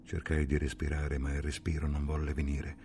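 A man reading a novel aloud as an audiobook, in a measured, slow and grave dramatic narration. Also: very deep voice, monotone, a little mellow, a little hiss or hum. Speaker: audiobook reader.

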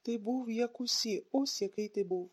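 A woman's voice: a little high, normal speed, husky. Woman voicing a bitter, sarcastic young woman.

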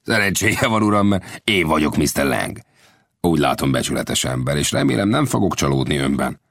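A man's voice: rumbling low, big pitch swings, gravelly, a bit bright, no room sound, studio quality, heavily acted. A man voicing a cautious, widowed middle-aged blacksmith in an audiobook, earnest and warning. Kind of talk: audiobook character voice.

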